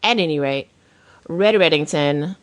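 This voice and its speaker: A woman's voice: low voice, a little slow. A woman co-hosting a podcast, rambling in casual chat about TV shows with dramatic asides. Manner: animated, rambling, dramatic impressions. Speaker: podcast co-host.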